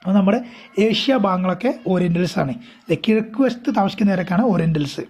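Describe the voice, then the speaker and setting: A woman teacher with a Kerala accent explains an English story, reading lines slowly and then rephrasing them again and again. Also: lowish voice, darkish tone, breathy edge. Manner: repeats and rephrases often. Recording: dull lo-fi recording.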